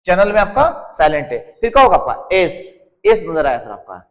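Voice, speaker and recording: A man's voice: fairly high pitch, big pitch swings, fairly quick, fairly bright tone, big-room sound. A man with a Jharkhand Hindi accent teaching an exam-prep lesson, quizzing the class and repeating each term again and again. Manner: drills answers as questions, repeats each term; constantly adds a respectful "sir" to the students. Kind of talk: whiteboard lesson with a mnemonic.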